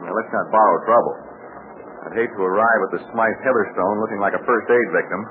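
An actor with an American accent playing a cocky, tough, good-humored adventurer in an old-time radio drama. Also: male voice, lowish voice, fast, lightly acted. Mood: wry, friendly. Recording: scratchy, narrow-band old radio recording.

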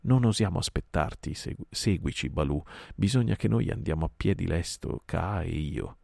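A man voicing a proud male panther who speaks firmly and commandingly, a little above his usual pitch. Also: animated, normal speed, gravelly, dark tone, no echo, studio quality, full character voice.

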